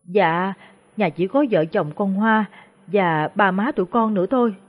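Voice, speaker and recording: A woman's voice: mid-range voice, unhurried, natural voice. A frightened peasant woman, voiced by a female storyteller stammers humbly in a voice. She sounds deferential and anxious. The recording is dull and lo-fi. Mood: anxious pleading.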